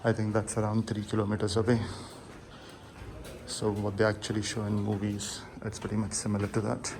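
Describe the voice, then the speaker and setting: A man's voice: fairly low pitch, monotone, fairly quick. A man giving casual travel vlog narration as he tours a site. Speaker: travel vlogger. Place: at a large temple site. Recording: clear background noise, outdoor ambience.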